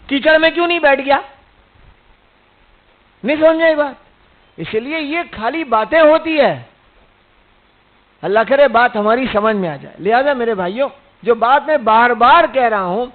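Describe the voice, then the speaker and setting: A man preaches a sermon in a strikingly high voice, exhorting his listeners and pressing them with rhetorical questions. The recording is thin and narrow, like a phone line. He comes from India. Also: lively intonation, pauses often. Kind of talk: religious sermon. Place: mosque gathering.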